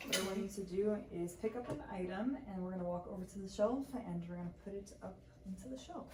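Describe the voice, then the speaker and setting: A woman's voice: medium pitch, fast, reverberant, distant mic, background noise. A woman working as a home health therapist, guiding a patient through exercises with patient, encouraging instructions and frequent fillers. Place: home kitchen and pantry.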